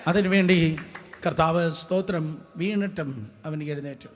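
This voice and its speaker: A middle-aged man with a Malayali accent delivers a sermon in a notably high voice. He preaches with passion, repeating phrases and rising into loud calls before falling back to soft asides. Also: expressive, moderate pace, background noise. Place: church service with congregation.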